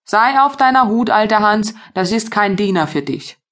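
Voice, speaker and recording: A woman voicing a huge, gullible and clumsy male giant in an audiobook fairy tale, grumbling slowly. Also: animated, fairly bright tone, lightly acted. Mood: grumbling, fearful. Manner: rumbling, slow and grumbling.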